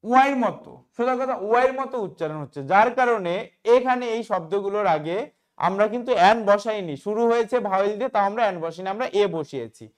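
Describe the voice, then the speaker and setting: A man's voice: high voice, lively intonation, quick pace, clear, resonant tone. Man, teacher from West Bengal, grammar lesson, answers his own questions, keeps checking "okay?". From West Bengal, India. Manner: asks questions and answers them himself, often checks "okay?". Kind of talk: explaining grammar in a class video.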